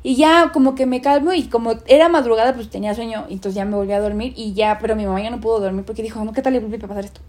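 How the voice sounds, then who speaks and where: Young woman telling a spooky story, animated, fillers everywhere, slightly high voice. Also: very fast, hardly any pauses. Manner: animated, acts out quoted voices, many fillers. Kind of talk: casual chat, telling a ghost story.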